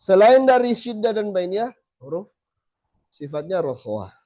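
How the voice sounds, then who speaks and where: A man teaching a small group how to recite, saying letter sounds slowly again and again and then correcting them. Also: high voice, very animated, warm tone. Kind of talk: tajweed lesson to a small group. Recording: slightly dull lo-fi recording.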